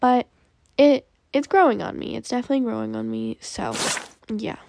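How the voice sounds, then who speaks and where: A woman's voice: a little high, animated, moderate pace, gravelly, background noise. A young woman hosting a gaming channel, chatting casually about her game pets and often saying "like" and "um". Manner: chatty, says "like" and "um" a lot.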